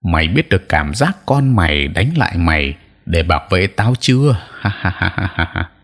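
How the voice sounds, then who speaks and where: A man's voice: deep voice, sing-song, moderate pace, fairly bright tone, exaggerated voice. A man voicing an evil old male sorcerer who cackles and screeches curses in an audio story. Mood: gloating.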